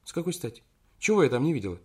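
Guy doing a young secretary girl in an audiobook, soft and a bit higher, kinda husky underneath. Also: big pitch swings, racing. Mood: cool, teasing. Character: young woman secretary, calm and teasing, then tearful. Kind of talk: audiobook character reading.

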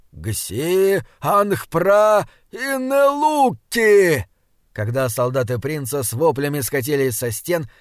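A man narrating a fantasy audiobook in a steady, dramatic manner. His voice sits a little high for a man. He is recorded close on a studio mic with a dry sound. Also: dry recording. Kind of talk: scripted narration.

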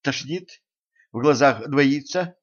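A man voicing a practical young woman who asks brisk, fussing questions. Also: medium pitch, animated, a bit bright. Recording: dull lo-fi recording.

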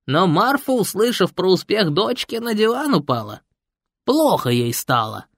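A man doing a creaky old village grandpa. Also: sits high, big pitch swings, normal speed, dry recording, clean studio sound, voice pushed up, heavily acted. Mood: storytelling. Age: older. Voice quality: creaky, gruff. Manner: folksy, blunt storytelling. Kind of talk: audiobook character voice.

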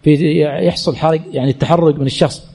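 This sheikh teaching Islamic jurisprudence has a fairly high, steady, darkish and husky voice, and he talks fast. He reads each listener's question aloud during the religious lesson, then answers in colloquial speech, repeating phrases and correcting himself as he goes.

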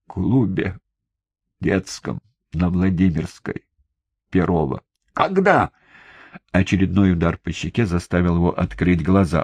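A man narrating an audiobook in a steady, grave storytelling manner. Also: low voice, husky, no room sound.

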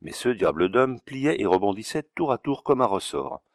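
A man narrating a classic novel as an audiobook, measured and steady. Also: on the low side, no echo, clean studio sound.

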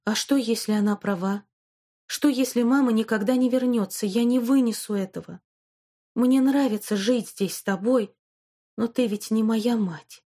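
A woman reads an audiobook in a voice on the high side, mellow and natural, at a moderate pace. She plays a rebellious, distraught teenage girl who starts out sulky and defiant, then grows desperate and breaks into sobs.

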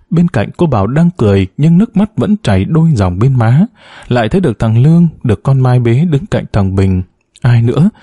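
Man, audiobook narrator, somber measured reading, mellow dark voice, dry close recording. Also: mid-range voice, no room sound. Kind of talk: scripted narration of a novel.

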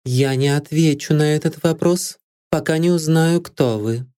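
A man's voice: fairly high pitch, a little slow, warm tone, smooth, voice pushed up, lightly acted. A man voicing a proud, cool young woman who turns feverish under questioning, read as an audiobook figure. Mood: cold, scornful. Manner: cool and scornful, rising to feverish alarm.

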